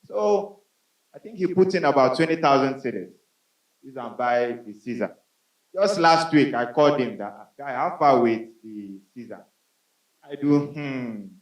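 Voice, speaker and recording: A man's voice: medium pitch, animated, moderate pace, highs cut off. A man doing stand-up comedy on a club stage, dryly telling a story and quoting the dialogue. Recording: roomy club sound from a distance.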